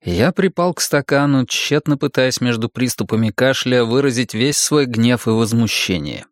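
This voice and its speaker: A man narrating a first-person audiobook in a measured, dramatic reading. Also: medium pitch, no room sound, studio quality.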